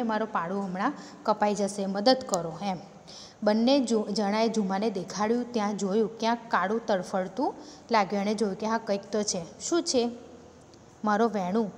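A woman's voice: medium pitch, darkish tone. Woman, Gujarati accent, schoolteacher, reads then re-explains each line, echoey room, faint hiss. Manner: reads a line then retells it in plain words. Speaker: teacher. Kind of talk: reading and explaining a story lesson.

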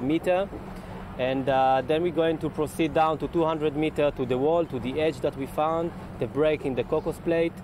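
A man in his thirties, a submarine pilot, explaining in halting phrases in a nature documentary briefing. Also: fairly high pitch. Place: outdoors on a boat deck at sea. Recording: noisy outdoor location sound.

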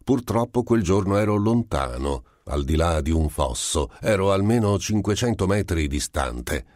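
A man reading the part of a sly, composed gentleman who probes with smooth, falsely apologetic questions. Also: low-pitched, animated, normal speed, no echo, studio quality, voice pushed up.

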